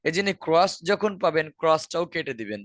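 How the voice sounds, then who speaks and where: A man's voice: a little high, very animated, fairly quick, a bit bright, dry recording. Bangladeshi man teaching, repeating key words. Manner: explains step by step, repeats key words, asks rhetorical questions. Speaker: IELTS teacher. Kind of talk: online lesson explaining listening answers.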